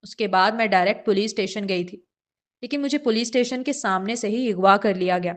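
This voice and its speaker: A woman's voice: mid-range voice, natural voice. A woman voicing a frightened mother who confesses a past ordeal in a first-person audiobook reading, earnest and shaken. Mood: fearful.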